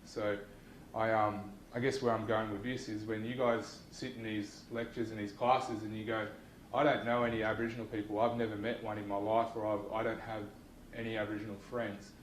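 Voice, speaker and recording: A young Australian man giving an informal university lecture, talking in a relaxed and conversational way with many ums and restarts. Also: fairly low pitch, a little fast, echoey room, a little hiss or hum, poor audio. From New South Wales, Australia. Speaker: guest lecturer.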